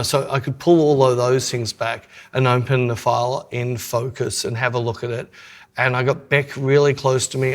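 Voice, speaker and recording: A man with an Australian accent co-hosting a podcast, chatting casually in a rambling way. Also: medium pitch. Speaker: podcast co-host.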